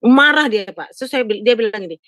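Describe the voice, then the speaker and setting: A woman's voice: fairly high pitch, expressive, fast, a bit bright, no echo, studio quality. An older woman telling a pastor a personal story in a chatty way, often turning to him for agreement. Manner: chatty, keeps adding "Pak, ya". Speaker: caller asking a pastor. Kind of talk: casual storytelling.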